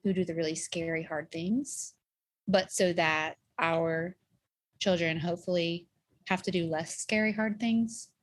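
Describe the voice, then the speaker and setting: A woman's voice: fairly low pitch, steady tone, unhurried, no room sound. A woman in her thirties, a guest on a podcast, chatting casually and filling her talk with "like" and "you know.". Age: 30s. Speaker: podcast guest, communications director. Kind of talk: casual chat.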